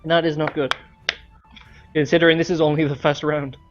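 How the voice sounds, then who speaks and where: A young man shoutcasts an online game match from his room, still catching his breath after a dash up the stairs. His voice sits a touch high, and he rambles through fillers and restarts. Faint music plays underneath. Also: level tone, a little fast, lo-fi sound. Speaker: shoutcaster and streamer. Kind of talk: live game commentary.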